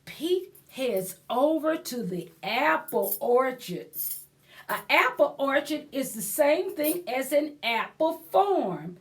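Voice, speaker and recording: A woman whose voice sits high acts as a library storyteller, giving an expressive reading of a picture book for young children. Along the way she breaks off to explain things and prompt her audience.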